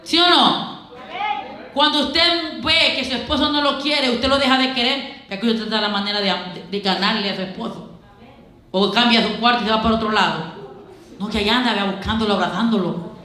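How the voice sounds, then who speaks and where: A woman preaching a lively Pentecostal sermon, exhorting her congregation with direct questions and acting out quoted voices with humor. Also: fairly high pitch, fairly quick. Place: church. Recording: echoey church sanctuary. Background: congregation answering amens.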